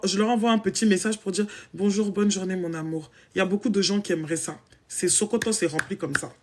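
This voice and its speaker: Woman with a low voice, blunt and mocking, casual monologue to listeners, mixes in English. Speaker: women's coach.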